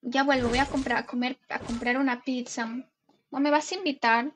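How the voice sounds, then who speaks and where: Chica joven streamer, voz aguda, habla suelto y juguetón con su chat, un poco de ruido de fondo. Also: female voice, high-pitched, steady tone, fairly quick, noisy background. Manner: chatty, playful, greets viewers and reads chat names aloud. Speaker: gaming live streamer. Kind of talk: casual live stream chat.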